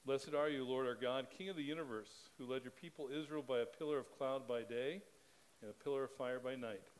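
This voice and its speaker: A middle-aged pastor leads a spoken church liturgy from the pulpit, reading at a measured, steady, even cadence into a pulpit microphone in the sanctuary. His voice is medium in pitch, and the recording is rough.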